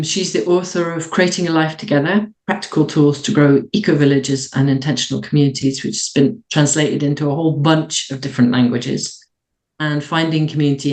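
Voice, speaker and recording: A webinar host introducing a guest speaker over a video call, reassuring and unhurried with a few fillers. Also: medium pitch, rough recording.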